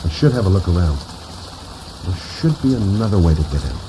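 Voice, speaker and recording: An actor playing a world-weary, gruff but caring male private investigator in a video game. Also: low-pitched, very animated, fairly quick, background noise. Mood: wary, musing. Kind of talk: video game voice acting, muttering to himself and reassuring.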